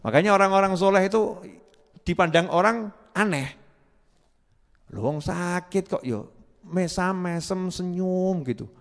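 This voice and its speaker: Male preacher, high-pitched, sermon full of rhetorical questions and repetition, long hall reverb. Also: unhurried, creaky, long pauses. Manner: asks the audience rhetorical questions and repeats key words. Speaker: Islamic preacher.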